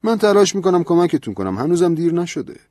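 A man's voice: a little high, very animated, dark tone, no room sound, clean studio sound, pitched above the performer's own voice. A man voicing a stern, preachy priest who lectures in an earnest, raised voice. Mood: urgent, reproachful. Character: stern older male priest, pleading, preachy.

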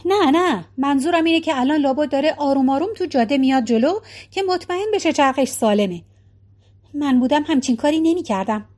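A woman's voice: fairly high pitch, lively intonation, natural voice. A woman voicing a weary grumbling husband. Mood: defensive. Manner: dry, reluctant, muttering.

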